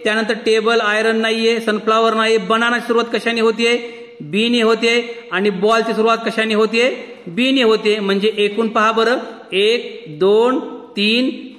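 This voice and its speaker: A man's voice: extremely high pitch, fairly bright tone. A man with a Marathi accent teaching an exam-prep lesson, patiently asking questions and answering them himself. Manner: patient, asks and answers his own questions. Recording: echoey room with long reverb.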